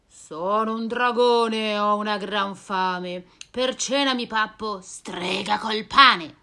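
A woman voicing a big, hungry, boastful dragon in a storybook reading, loud and blustering. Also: mid-range voice, slow. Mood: menacing.

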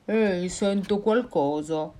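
A woman voicing a big, hungry, slow-witted male monster in a storybook reading, speaking slowly and gruffly. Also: mid-range voice, warm tone, natural voice.

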